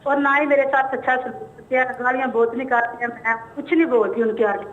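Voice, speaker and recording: A woman caller speaking haltingly and plaintively over a phone line that keeps breaking up and cutting out. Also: high-pitched, fairly even intonation, slight background noise. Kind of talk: phone call to an advice show.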